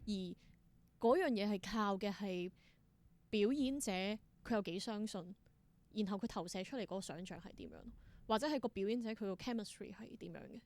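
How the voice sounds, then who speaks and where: Here the same kind of guest, a woman and independent theatre performer with a Hong Kong Cantonese accent, tells stories casually, musing in short reflective spurts. She talks a little fast in a mid-range voice with a slightly mellow quality.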